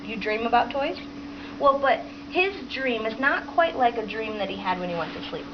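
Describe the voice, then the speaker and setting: A woman with a slightly high, expressive voice reads to children at normal speed in a teacher's manner, asking questions and repeating the answers to encourage them. Clear background noise sits under this dull, lo-fi home recording.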